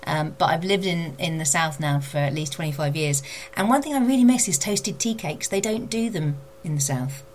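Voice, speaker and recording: A woman's voice: low-pitched, normal speed, slight background noise. A woman author hosting her own show, chatting casually with lots of ums before interviewing a guest. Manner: chatty, warm-hearted enthusiasm with many fillers. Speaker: podcast host and author.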